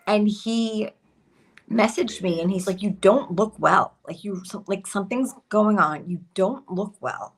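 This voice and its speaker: A woman in her late thirties appears as a podcast guest, chatting casually and laughing often in a husky, medium-pitched voice at a measured pace.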